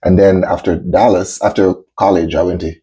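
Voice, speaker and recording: A man's voice: deep voice, little pitch movement, moderate pace, warm tone, husky. A man from Jamaica hosting a casual interview chat, chatty and enthusiastic. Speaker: host.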